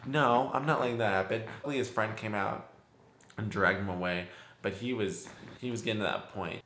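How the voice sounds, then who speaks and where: A man's voice: on the low side, normal speed, fairly bright tone, slight background noise. A young man vlogging, chatty, laughing often and acting out voices as he tells a story. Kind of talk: casual storytelling. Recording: roomy echo.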